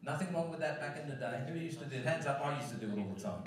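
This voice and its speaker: A man's voice: fairly high pitch, animated, rapid-fire. A man from Liverpool, England, singing live on stage and joking cheekily with the crowd between songs. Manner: cheeky, jokey, playful with the crowd. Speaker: singer and entertainer. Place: large hall at a live event. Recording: echoey hall, far from the mic, loud backing music.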